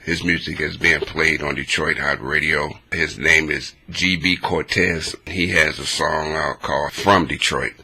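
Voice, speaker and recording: Male radio host, low and gravelly, with a bright, husky edge and upbeat announcer style. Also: fairly even intonation, a little slow, hardly any pauses. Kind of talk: internet radio talk show.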